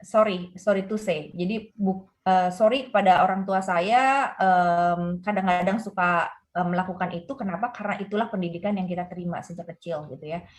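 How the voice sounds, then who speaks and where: A woman's voice: lowish voice, brisk. A woman, a parenting book author, explains her ideas in an interview and keeps tagging her sentences with "gitu ya". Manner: explains with frequent "gitu ya" tags and quoted examples.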